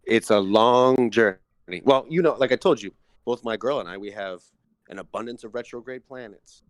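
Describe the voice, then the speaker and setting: A man's voice: mid-range voice, brisk, no echo. A man hosting a casual talk, explaining ideas in a thoughtful, philosophical way and often checking in with "you know" and "right.". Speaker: astrologer host. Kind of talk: casual conversational teaching.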